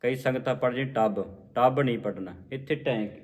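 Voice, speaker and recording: A man from Punjab teaching how to pronounce scripture, repeating words slowly syllable by syllable. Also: medium pitch, darkish tone. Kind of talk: scripture recitation lesson.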